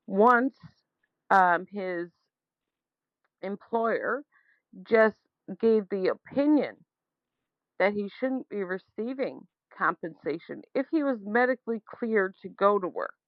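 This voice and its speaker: Casting: woman leaving a voicemail complaint, argumentative and emphatic, mid-pitched, on a dull dry phone recording. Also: lively intonation, takes it slowly, no room sound. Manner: indignant, insistent, emphatic, argumentative. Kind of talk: leaving a voicemail, airing a grievance. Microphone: telephone.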